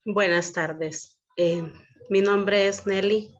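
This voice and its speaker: A woman giving an earnest personal testimony in a measured way. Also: mid-range voice, steady tone. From El Salvador. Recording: dull lo-fi audio.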